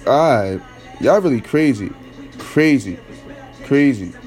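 A man's voice: mid-range voice, animated, takes it slowly, a little mellow, soft background music. A young man ranting bluntly in casual slang, mocking his listeners as a podcast host. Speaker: podcast host giving opinions. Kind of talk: casual opinion rant.

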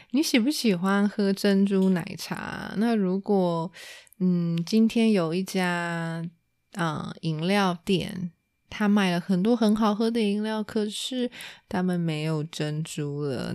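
A woman's voice: on the low side, darkish tone, dry recording, clean studio sound. A woman from Taiwan, a native Mandarin speaker with a Taiwanese accent, hosting a casual bilingual language lesson and repeating key words as she explains. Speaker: Mandarin teacher and host.

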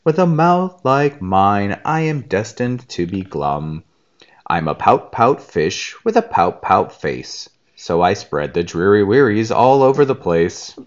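A man voicing a glum, forever-pouting male fish in a children's storybook, with a slow, drooping sing-song refrain. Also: lowish voice, expressive, lo-fi sound. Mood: gloomy.

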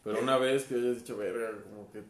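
A man's voice: medium pitch, steady tone, fast talker, heavy background noise. Man, laconic sidekick, roomy sound. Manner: short dry interjections. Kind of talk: casual chat.

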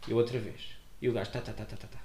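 A young man with a European Portuguese accent, chatting casually on a podcast and telling animated stories, acting out other people's voices. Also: on the low side, quick pace. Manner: animated storyteller, acts out voices. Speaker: podcast co-host. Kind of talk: casual chat. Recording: echoey room with faint noise.

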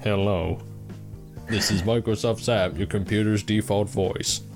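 A man imitating an old computer text-to-speech voice, speaking slowly and flatly like a robot. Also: lowish voice, faint music behind. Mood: robotic.

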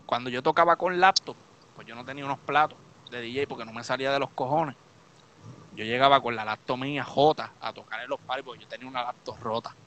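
A man's voice: mid-range voice, quick pace, fairly bright tone, highs cut off. A Puerto Rican man, a DJ hosting a live stream, ranting drunk and swearing heavily. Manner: profane, heated, repetitive ranting.

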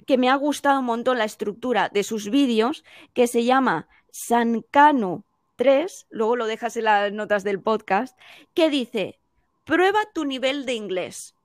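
Woman, higher voice, dry close sound; animated teacher giving advice as a podcast guest. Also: no room sound. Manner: animated, explaining with quick examples. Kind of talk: casual podcast conversation.

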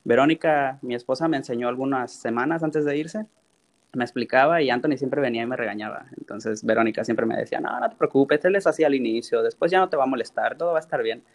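A man, a guest in an interview, telling his story in a relaxed, animated way and acting out quoted dialogue. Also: mid-range voice, fast. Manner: repeats "literal" often. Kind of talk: casual storytelling.

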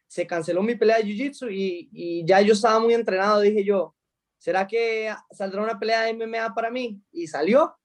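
A high-pitched man from Costa Rica, in his thirties, talks about his life as a fighter. He answers in a halting way, restarting his sentences and filling gaps with small sounds. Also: a little mellow. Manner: hesitant, many restarts and fillers. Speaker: mixed martial arts fighter. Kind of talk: interview answers.

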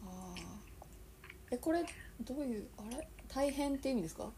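A woman's voice: on the high side, animated, unhurried, heavy background noise. A woman interviewing in a casual chat, curious and giving frequent short acknowledgements.

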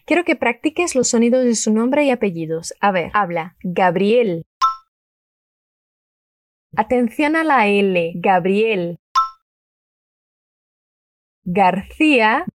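Upbeat Spanish teacher. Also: female voice, a little high, lively intonation, no echo, clean studio sound. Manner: slow, clearly spelled-out model phrases for learners; upbeat, enthusiastic. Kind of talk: language lesson with repeat-after-me drills.

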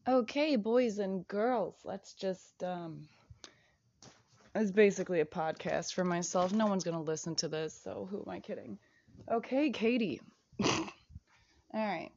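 A woman's voice: lowish voice, measured pace, creaky, long pauses, a little mellow, dull audio, a little hiss or hum. A woman recording a rambling casual audio diary, reading out lists of places and prices, sometimes half-whispering.

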